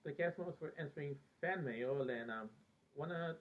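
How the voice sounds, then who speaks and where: With a voice that's a bit on the high side, this Peruvian man, later a resident of America, reminisces about a TV program in a relaxed, rambling vlog. His speech stalls frequently mid-sentence, and the recording has a band-limited, phone-like thinness.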